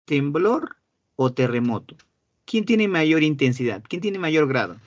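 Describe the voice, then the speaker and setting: A man's voice: a little high, very animated, no echo. Peruvian man teaching a class. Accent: Peruvian Spanish. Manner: repeats key words slowly, quizzes the class. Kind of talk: classroom lesson. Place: classroom with students. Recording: dull, dry sound.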